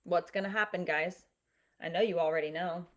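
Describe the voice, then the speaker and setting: A woman's voice: lowish voice, fairly even intonation, a little fast, fairly bright tone. A woman teaching on a live stream. She explains step by step, often checks in with "right?" and "okay?", and answers viewer comments in a conversational way. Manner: conversational, with some restarts.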